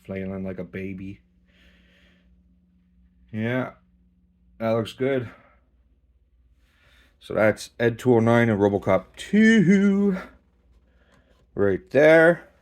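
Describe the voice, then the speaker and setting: A man casually reviewing a model kit while posing it, relaxed, swearing now and then, and a bit out of breath. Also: medium pitch, very slow, pauses often. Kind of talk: casual hands-on toy review.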